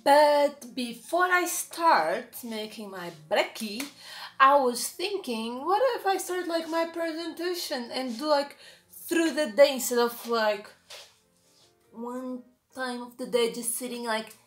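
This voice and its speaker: At home in a small, bright room, a young woman from Portugal vlogs casually to a camera a few feet off, speaking with a Portuguese accent and many fillers and restarts. Her voice is high, slow and fairly bright, with a roomy sound and faint music behind.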